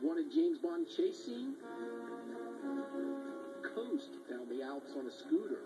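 Lively male TV reporter voice-over. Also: fairly high pitch, slow, over loud music, rough recording. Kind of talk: scripted news narration.

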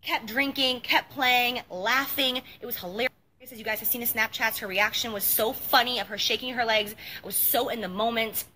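A young woman talks straight into her phone outdoors, her voice bright and a little high. She rambles and circles back on herself, emotional and apologetic. A faint low rumble sits under the recording. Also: steady tone, moderate pace. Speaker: beauty vlogger. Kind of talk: apologetic self-recorded vlog. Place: outdoors at night with mosquitoes.

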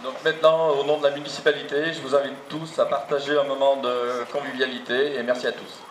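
A man giving a semi-improvised public speech as a local official, with a halting, hesitant delivery. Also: mid-range voice, level tone. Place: open town square outdoors. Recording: echoey, noisy outdoor recording.

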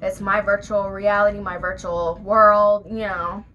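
Bright-voiced woman chatting while eating. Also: mid-range voice, flat delivery, a little slow, muffled recording, slight background noise. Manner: chatty, talks while chewing. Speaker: vlogger. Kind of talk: casual eating vlog chat. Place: her bedroom at home.

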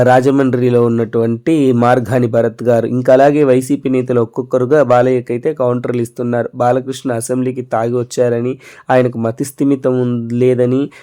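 A man's voice: mid-range voice, mellow. Man reading the news. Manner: brisk news-reader delivery with occasional loose asides. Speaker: news channel host. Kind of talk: news narration.

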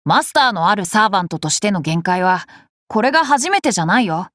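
Speaking fairly quickly in an animated, fairly bright mid-range voice close to her everyday one, a woman reads Japanese anime game lines as a boy king who is cheerful, curious, boyish and polite, with a playful self-assurance. The mood is thoughtful and candid, and the recording is clean studio audio without echo.

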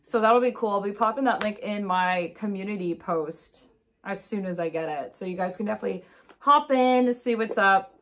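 A young woman reviewing horror films in a casual vlog, chatty and full of fillers, telling the plot with animated asides. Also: medium pitch, normal speed.

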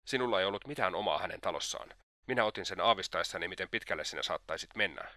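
A man's voice: low voice, animated, bright, forceful tone, no room sound, clean studio sound. A man voicing a furious young woman who fiercely accuses her attacker in a storybook reading.

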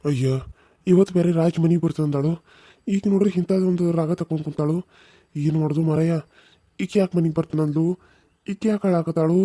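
A woman's voice: low voice, fairly even intonation, a little fast, pauses often, warm tone, no room sound, clean studio sound. A woman voicing an evasive, coaxing village husband in a cartoon serial, with a North Karnataka Kannada accent. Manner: coaxing, defensive.

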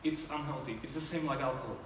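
A man from Slovakia, a startup founder, takes judges' questions during a live pitch Q&A in a theater, restarting often and leaning on fillers. His mid-range voice moves quickly under heavy background noise, recorded from far off by a camera in the audience in an echoey hall.

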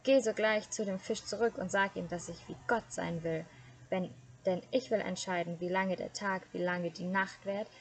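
A greedy, quarrelsome fisherman's wife, put on by a woman reading a fairy tale, barks her orders. Her tone is scolding and commanding, and a little louder than the narration around it. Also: medium pitch, fairly even intonation, normal speed, natural voice.

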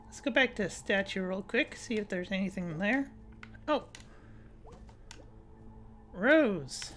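A woman's voice: medium pitch, lively intonation, takes it slowly, a bit bright, soft background music. A woman hosting a let's play, chatting casually and reading dialogue aloud with frequent giggles. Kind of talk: casual gameplay commentary.

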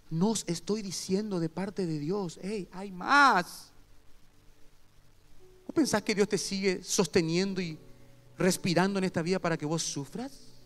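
A man preaching a sermon as pastor, telling a story with hushed asides and loud bursts. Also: sits high. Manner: animated storyteller, swings between hushed asides and loud outbursts. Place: church service.

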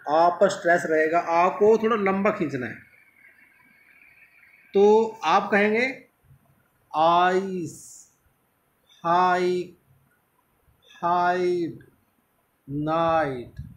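A man's voice: high-pitched, animated, a little slow. A man teaching English pronunciation, repeating each practice word several times as he drills it. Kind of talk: pronunciation lesson. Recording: echoey room.

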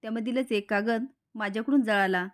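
A woman's voice: fairly high pitch, brisk, natural voice. A woman voicing a flustered, evasive young schemer in a serial recap. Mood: pleading.

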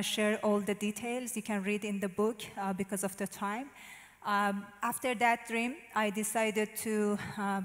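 Standing on a church stage with a handheld microphone, a Farsi-speaking woman from Iran in her thirties shares her testimony as an interview guest. Her mid-range voice follows a level, narrow melody in Persian-accented, non-native English, broken by frequent "uh" pauses as she hunts for words. A large hall's long reverb trails after her.

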